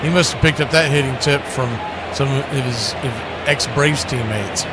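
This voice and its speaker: A man with a mid-range voice calls a baseball game live on radio at a moderate pace. His play-by-play is full of folksy, colorful turns of phrase. Clear outdoor ambience sits behind him.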